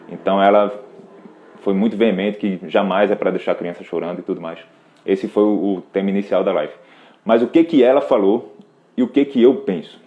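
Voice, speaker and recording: A man's voice: deep voice, mellow, dull audio. A man with a Brazilian Portuguese accent hosting a live Q&A, patiently explaining practical parenting advice straight to a parent. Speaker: host answering parenting questions.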